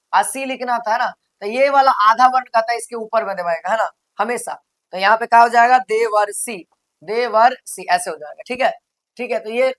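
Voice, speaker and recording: A woman's voice: on the high side, a bit bright. Woman teaching grammar. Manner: repetitive, asks the class questions and answers them herself; stretches out example words slowly. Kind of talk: exam-prep grammar lesson.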